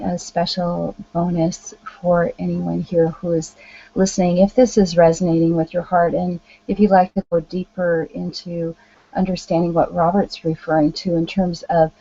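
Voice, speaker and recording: A woman speaking in a calm, gentle, reassuring way, giving an earnest motivational talk as a spiritual teacher. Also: fairly low pitch, muffled recording.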